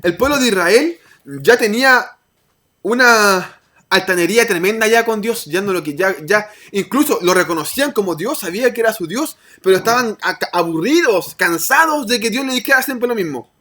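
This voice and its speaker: A woman's voice: medium pitch, animated, moderate pace, fairly bright tone. Chilean woman giving a casual sermon. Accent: Chilean Spanish. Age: adult parent of a child. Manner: informal, hesitant, acts out quoted voices. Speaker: Bible teacher at a church. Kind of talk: conversational sermon.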